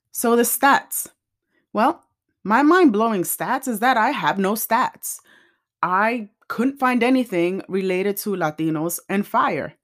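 A woman hosting her own personal finance podcast, talking in a chatty, opinionated, conversational way. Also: medium pitch. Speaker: podcast host. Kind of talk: casual podcast talk.

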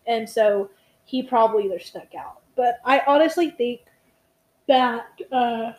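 Yawning and worn out, a young woman co-hosting a laid-back true-crime podcast rambles, curses, and keeps starting her sentences over. Her slightly high voice is animated and darkish in tone, she talks at a normal speed, and the audio quality is poor.

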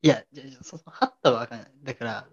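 Deadpan Kansai man co-hosting. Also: mid-range voice, fast talker, breathy edge, muffled recording. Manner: deadpan retorts, wraps up the show. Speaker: podcast co-host. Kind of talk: casual comedic chat.

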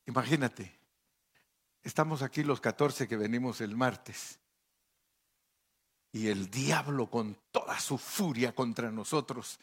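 A man's voice: mid-range voice, slow, pauses often, husky. A man preaching a fervent sermon in church, calling listeners brother and leading them into prayer. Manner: impassioned, addresses listeners as brother. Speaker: pastor.

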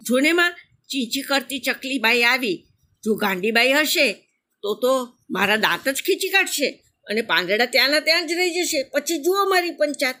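A woman's voice: sits high, animated, normal speed, pushed and bright, voice pushed up. A woman doing a whiny little crocodile cub. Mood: fretful. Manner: pleading, fretful. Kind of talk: storybook narration.

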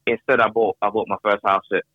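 A man's voice: fairly low pitch, level tone, fast talker, no room sound, muffled recording. A young man chatting as a guest on a podcast, reflective and hesitant, often repeating words as he thinks. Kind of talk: casual podcast conversation.

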